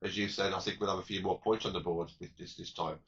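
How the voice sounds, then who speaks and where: Low croaky guy rambling on a fan podcast, lots of restarts, kinda muffled audio. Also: steady tone, fast, fairly bright tone. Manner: rambling, repeats words and restarts, chatty. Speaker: podcast co-host. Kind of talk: casual fan podcast chat.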